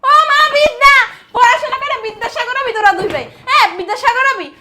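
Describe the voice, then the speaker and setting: A woman's voice: lively intonation, racing, very noisy. A woman playing a spiteful sister-in-law who berates and mocks her husband's younger brother. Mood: mocking. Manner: shrill, berating, mocking. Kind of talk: amateur family drama acting.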